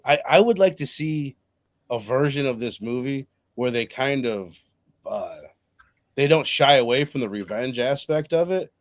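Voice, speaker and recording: A man's voice: mid-range voice, animated, a little slow, no room sound. A man hosting a casual live-streamed movie review, chatty, acting out little quotes.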